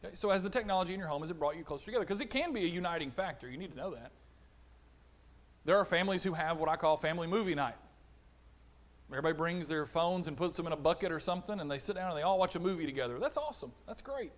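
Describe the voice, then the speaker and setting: Animated, fairly high-voiced male preacher. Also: very fast. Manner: animated, conversational, acts out little dialogues. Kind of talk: sermon. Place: church auditorium.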